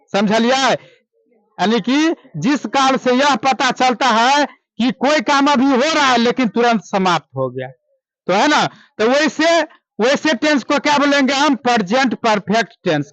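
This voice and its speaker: A man's voice: high-pitched, a bit bright, low-quality recording. A male teacher with a Bihar accent giving a classroom grammar lesson, quizzing the class with questions and repeating the answers. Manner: drawn-out slow English examples.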